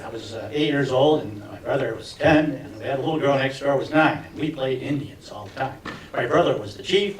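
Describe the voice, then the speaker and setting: A man in his seventies doing a stand-up routine for fellow alumni, telling tongue-in-cheek stories with deadpan punchlines. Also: medium pitch, far from the mic. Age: 70s. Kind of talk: stand-up comedy. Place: reunion event hall with audience. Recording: echoey room miked from afar, crowd laughter.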